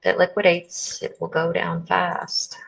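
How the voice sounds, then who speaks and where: A woman trader talks through her positions in a matter-of-fact way during a casual live stream. Her voice is low, husky and gravelly. She speaks with a flat, even tone. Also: unhurried, rough recording.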